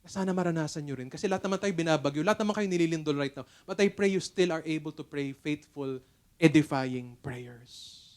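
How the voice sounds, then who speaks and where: A middle-aged Filipino man preaching at a church service, his voice sitting a little high for a man. He tells stories earnestly and conversationally, moving easily between English and his own language. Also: fairly quick, darkish tone. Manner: mixes English and Tagalog, storytelling, earnest. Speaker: pastor. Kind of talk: sermon.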